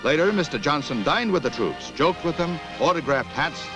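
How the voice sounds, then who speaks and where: A man's voice: a little high, lively intonation, normal speed, poor audio. A man giving formal, declamatory narration for an old 1960s newsreel. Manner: formal, declamatory announcer delivery. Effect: old newsreel soundtrack. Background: music.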